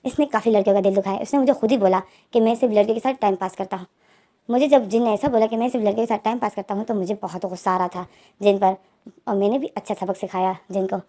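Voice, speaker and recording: A woman voicing a teasing, scheming young man who speaks in a low, smug way. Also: steady tone, fast, mellow, natural voice.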